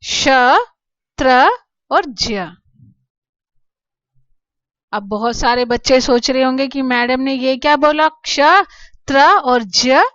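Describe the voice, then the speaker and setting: A woman teaching children Sanskrit letters, explaining slowly and patiently, asking questions and answering them herself. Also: high voice, a bit bright, no echo, dull audio. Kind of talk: slow classroom explanation to children.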